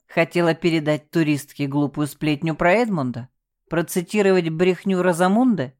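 A woman's voice: low voice, normal speed, a little mellow, natural voice. A woman voicing a stern, cold female castle manager who scolds and threatens a subordinate in an audiobook. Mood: icy.

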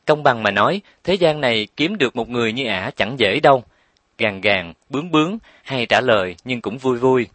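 A man narrating a romance story with steady, expressive storytelling. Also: mid-range voice, moderate pace, no room sound. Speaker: audiobook narrator.

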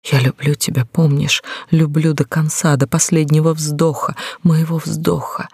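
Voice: mid-range voice, little pitch movement, normal speed, gravelly, darkish tone, slightly rough, dry recording, clean studio sound. A reader voicing a devoted young woman in an audiobook, tender and pleading. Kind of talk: audiobook reading.

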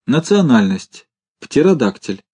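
A man voicing a timid, gentle male commandant who reads forms and speaks softly of his creature. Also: mid-range voice, big pitch swings, measured pace, breathy edge. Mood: reading out. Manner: timid, mild, tender.

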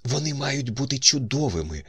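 A man voicing a naive young actress, speaking high and breathy. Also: very animated, moderate pace, no echo. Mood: wondering.

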